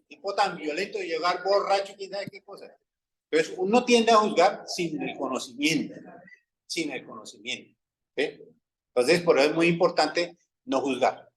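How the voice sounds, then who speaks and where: A male pastor with a Colombian accent delivers a sermon in a conversational, storytelling manner, often pausing to check that his listeners follow. His voice sits somewhat high for a man. He acts out the voices of people in his everyday anecdotes. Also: low-quality recording. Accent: Colombian Spanish. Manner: conversational preaching with frequent "¿sí?" checks; acts out quoted dialogue in everyday stories.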